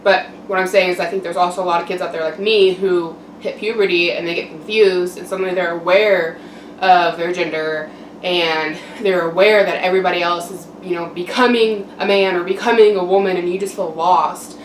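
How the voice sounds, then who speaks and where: A young woman talks casually to camera as a vlogger, candid and reflective. Her delivery is halting, with frequent pauses. The sound is echoey and set back from the mic, with faint noise behind her. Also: on the low side, fairly even intonation. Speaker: mukbang vlogger. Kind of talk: casual personal monologue to camera. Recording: roomy echo, distant mic, background noise.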